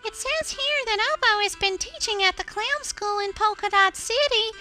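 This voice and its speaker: A woman's voice: very high-pitched, moderate pace, bright, forceful tone, faint music behind. A woman voicing a perky, helpful young girl friend in a children's cartoon, chirpy in manner.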